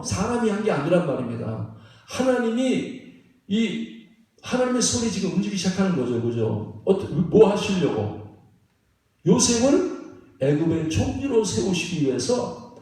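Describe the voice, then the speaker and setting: A man's voice: fairly high pitch, dark tone. A man preaching a sermon as pastor, asking the congregation questions and repeating phrases for emphasis. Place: church sanctuary. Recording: echoey sanctuary from far off.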